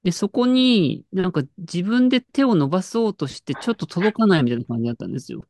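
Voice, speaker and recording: A woman's voice: lowish voice, expressive, fast talker, warm tone, dry recording. A woman in casual chat, telling an anecdote with lots of fillers and restarts. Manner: storytelling with frequent fillers and laughs.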